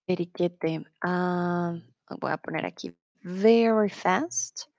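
A woman's voice: on the low side, vocal fry, darkish tone, dry recording. A woman from teaching Spanish on a live stream, reading viewers' chat aloud and encouraging them patiently. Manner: patient, encouraging, repeats words slowly and switches to English.

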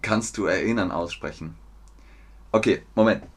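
A man's voice: low-pitched, normal speed. A man teaching German pronunciation on a live stream, repeating words with exaggerated care and answering viewers in the chat. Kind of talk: live-streamed language lesson.

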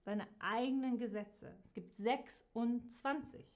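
A woman teaches a live lesson to her viewers. Her voice sits a little high and she speaks slowly. She says each key word twice, clearly and carefully. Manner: slow, repeats key words, warm direct address to viewers. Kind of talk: slow, clearly articulated live-stream lesson.

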